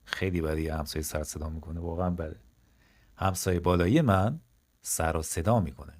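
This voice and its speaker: A Persian-speaking man with a somewhat low voice runs a language lesson. He lays out each sentence slowly and deliberately, then slips into quick, casual asides as he explains it. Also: a little mellow. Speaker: French teacher.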